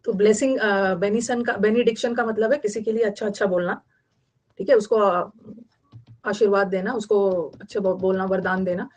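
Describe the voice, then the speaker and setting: A woman's voice: mid-range voice, fairly even intonation, moderate pace. A young adult woman with an Indian accent teaching vocabulary online, explaining in Hindi mixed with English and repeating key words.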